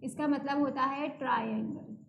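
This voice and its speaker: Woman, Indian accent, math teacher, high-pitched, patient step-by-step explaining, mixes in English terms. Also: fairly even intonation, normal speed, vocal fry, dull audio, a little hiss or hum. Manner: explains step by step, repeating key terms and checking with "ठीक है". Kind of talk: online math lesson.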